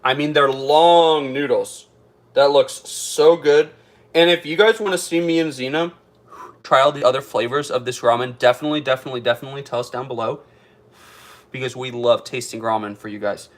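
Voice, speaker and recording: A man's voice: medium pitch, fairly quick. A man chatting through a casual taste-test vlog, thinking aloud as he eats. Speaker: food reviewer.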